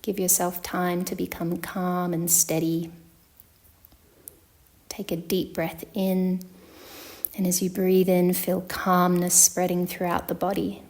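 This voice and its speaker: Guiding a yoga nidra session, a meditation teacher speaks in a slightly low, steady voice that stays flat. She gives calm, measured instructions and lets long pauses fall between her phrases.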